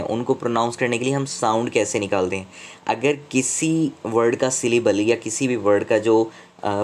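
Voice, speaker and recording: A man teaching English grammar from slides, explaining slowly and deliberately in Hindi mixed with English phrases. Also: medium pitch. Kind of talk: slide-based grammar lesson.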